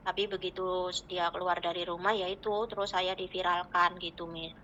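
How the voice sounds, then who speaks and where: A woman's voice: fairly low pitch, little pitch movement, fairly quick, bright, forceful tone, dull audio, a little hiss or hum. A woman with a Javanese accent earnestly recounting her troubles to a host, calling her Miss again and again. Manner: earnest, addresses listener as Miss constantly. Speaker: caller telling her story. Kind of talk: emotional personal storytelling. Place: in Hong Kong.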